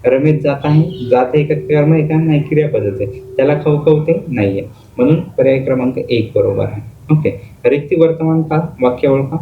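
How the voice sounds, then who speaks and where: A man's voice: fairly high pitch, moderate pace. A male teacher giving an exam-prep grammar lesson, explaining step by step by asking questions and answering them himself. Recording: phone-like lo-fi audio with faint noise.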